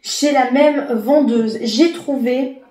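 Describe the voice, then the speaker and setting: A woman in her late thirties talks casually to her camera, with a fairly high voice. She chats loosely, full of fillers and restarts. The room echoes around her. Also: takes it slowly, warm tone, slight background noise. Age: 30s. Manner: chatty, many fillers and restarts. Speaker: vlogger. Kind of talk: casual chat.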